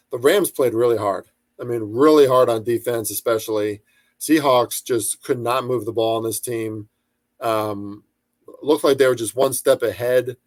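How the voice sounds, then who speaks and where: A man's voice: medium pitch, no echo, clean studio sound. A young man giving loose, profane sports betting commentary, full of fillers, restarts and chatty asides.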